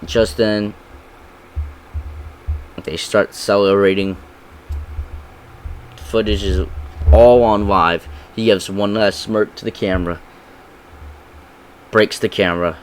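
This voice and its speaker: Young male reviewer, low voice, casual slangy recap, faint noise behind; lively and unpolished. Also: slow, long pauses, low-quality recording. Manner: slangy and excited, with sound effects.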